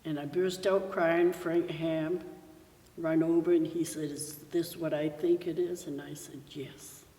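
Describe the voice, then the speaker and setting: An older woman giving a personal testimony at her church, telling her story slowly with many pauses. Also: low-pitched, little pitch movement, mellow. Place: church sanctuary. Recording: echoey church hall from far off.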